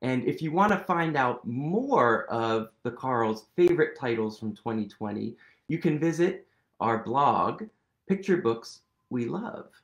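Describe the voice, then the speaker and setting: Gravelly man hosting a kids' storytime. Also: medium pitch, lively intonation, measured pace. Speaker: museum storytime host. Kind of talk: casual talk to young viewers about a book. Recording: roomy echo.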